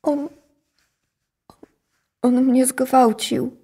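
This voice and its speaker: An actress playing a frightened, bitter young daughter in a radio drama, her confession halting and shaky. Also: sits high, steady tone, warm tone, slightly rough, full character voice.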